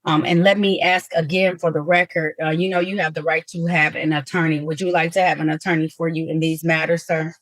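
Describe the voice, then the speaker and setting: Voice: medium pitch, level tone, a little fast, few pauses, a bit bright, no room sound. Judge heard on a dry courtroom recording. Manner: formal and procedural with frequent ums. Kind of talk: courtroom hearing.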